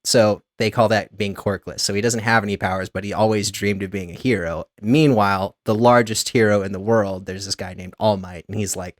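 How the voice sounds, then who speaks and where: A man's voice: on the low side, steady tone, fairly quick, hardly any pauses, no echo, studio quality. A man co-hosting a casual podcast, rambling through explanations with many fillers and restarts. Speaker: podcast co-host. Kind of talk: casual chat.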